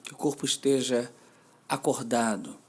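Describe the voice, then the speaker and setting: A husky, medium-pitched voice with fairly even intonation belongs to a man guiding a mindfulness meditation in a Brazilian Portuguese accent. He gives soft, deliberate instructions, pausing at length between them.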